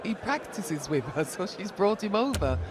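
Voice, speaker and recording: A woman's voice: mid-range voice, sing-song, moderate pace. A woman co-commentating on live darts as a pundit, in a chatty style. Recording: crowd and clear background noise.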